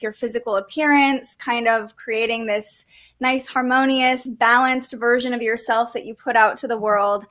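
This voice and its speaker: Gentle explanatory woman, higher voice. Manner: gentle, explanatory, with light laughs and fillers. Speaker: podcast host reading an astrology chart. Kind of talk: conversational astrology reading.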